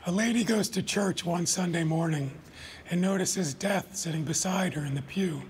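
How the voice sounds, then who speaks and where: A man reading his short stories aloud at a live event, in an even, deliberate storytelling manner. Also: high voice, a little hiss or hum. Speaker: author. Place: live reading before an audience.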